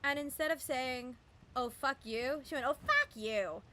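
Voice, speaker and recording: Unhurried and high-voiced, a young adult game streamer with a sharp tone rambles through casual live-stream chat. Plenty of "um" and "like" come through, along with playful voices and mimicry, and there's a bit of background noise.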